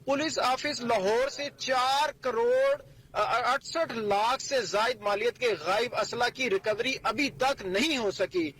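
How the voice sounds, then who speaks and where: A man's voice: extremely high pitch, unhurried, fairly bright tone, breathy edge, poor audio. A man, a bureau chief reporting over the telephone and steadily reading out figures and official details. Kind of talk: news report read over the phone. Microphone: telephone line.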